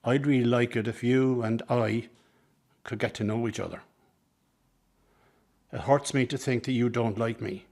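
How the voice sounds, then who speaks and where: This dramatic radio play dialogue features a man voicing a scheming circus performer, once the mother's sweetheart, who coaxes and flatters with earnest persuasion. He speaks at a moderate pace with long pauses, in a mid-range, darkish voice that stays close to how he'd normally talk.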